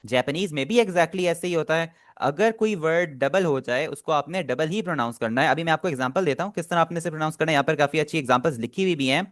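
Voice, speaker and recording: A man's voice: fairly high pitch, quick pace, hardly any pauses, fairly bright tone, no room sound, studio quality. A man teaching an online class, explaining step by step and often checking that students follow. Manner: explains patiently, often asks "theek hai?" to check.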